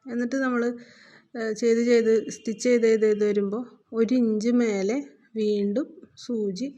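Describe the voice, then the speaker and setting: A woman's voice: fairly high pitch, flat delivery, moderate pace, dark tone, lo-fi sound. Woman patiently teaching sewing. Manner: patient, repeats steps, checks in with learners. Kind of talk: step-by-step sewing tutorial.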